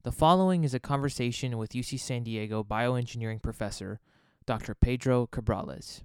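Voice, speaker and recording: A man's voice: medium pitch, brisk, smooth. A man hosting a student podcast, reading the intro and then asking questions loosely with fillers. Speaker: podcast host, student interviewer.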